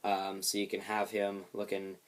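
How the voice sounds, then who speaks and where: A man's voice: on the low side, monotone, moderate pace. A man giving a casual hands-on demonstration of a homemade build, explaining it with light self-deprecation.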